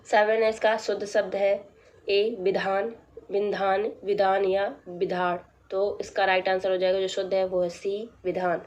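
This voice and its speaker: A woman teacher going through a practice test, reading out each option and then explaining the right answer in a plain, measured way. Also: medium pitch, little pitch movement, a little mellow. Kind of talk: exam practice lesson.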